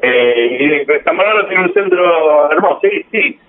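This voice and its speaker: An Argentine man, appearing as a guest, talks casually and meanderingly, breaking off and restarting sentences. He sounds a little high-pitched, animated yet unhurried, over phone-like audio.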